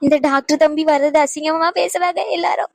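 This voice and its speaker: A woman's voice: sits high, fairly even intonation, a little fast, gravelly, no echo, clean studio sound. A woman voicing a worried, tearful mother in a cartoon, speaking in a sorrowful, plaintive way.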